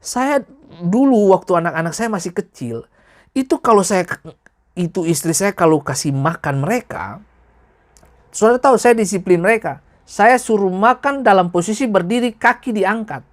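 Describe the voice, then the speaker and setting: A man's voice: sits high, moderate pace. Middle-aged guy preaching, talks right at the congregation, voice jumps all over. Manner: lively, colloquial, addresses the congregation directly. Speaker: pastor. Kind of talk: sermon.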